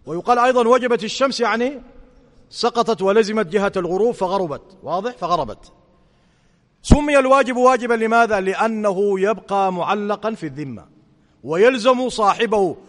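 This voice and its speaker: Sheikh teaching a class, high voice, checks in with students often, long hall echo. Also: male voice, lively intonation, fairly quick, a bit bright. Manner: questioning students, checking understanding. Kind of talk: religious lesson explaining to students.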